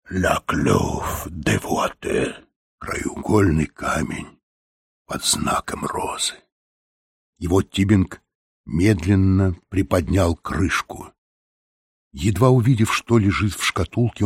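A man narrates a novel with measured, steady pacing, his voice deep and husky. The sound is dry and close, with no room around it. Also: no echo. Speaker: audiobook narrator.

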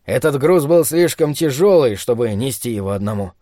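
A man reading an audiobook, voicing a condemned prisoner who speaks quietly and confidingly. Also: medium pitch, animated, normal speed, no echo, studio quality, lightly acted. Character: calm condemned male prisoner.

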